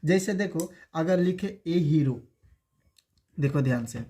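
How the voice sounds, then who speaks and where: Mellow-voiced man teaching English basics. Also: a little high, expressive, husky. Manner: repeats words slowly for drilling; calls students affectionate names. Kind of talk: spoken English lesson.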